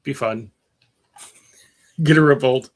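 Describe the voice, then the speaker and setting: A man's voice: medium pitch, slow pace. A middle-aged man hosting a casual live stream about his car work, rambling with lots of fillers and reading out viewer comments. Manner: rambling, self-mocking, many fillers.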